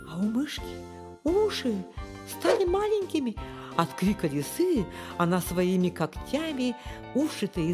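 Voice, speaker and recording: A woman narrating a folk tale for an animated short in a slow, expressive storytelling manner. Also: mid-range voice. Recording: long reverb with soft music behind.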